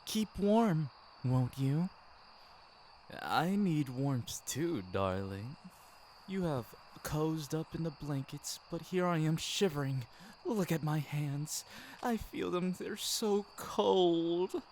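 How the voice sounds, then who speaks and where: Slow and sing-song, his fairly high voice carries a darkish tone. The man, an amateur roleplay performer, plays a tender, teasing boyfriend in ASMR, speaking warmly to his partner, with ambient background sound making the recording clearly noisy.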